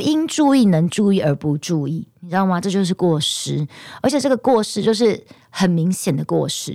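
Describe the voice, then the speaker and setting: A woman hosting a podcast alone, with a hoarse voice and a Taiwanese Mandarin accent, telling a story with indignant, animated energy. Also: on the low side, dry recording, clean studio sound. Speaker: podcast host. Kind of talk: casual podcast monologue.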